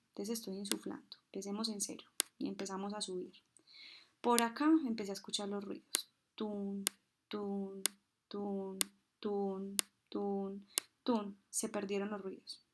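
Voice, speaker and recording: A woman's voice: a little high, noisy background. A woman instructor explaining a medical procedure, mimicking heartbeat sounds and answering her own questions. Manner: asks questions and answers them herself.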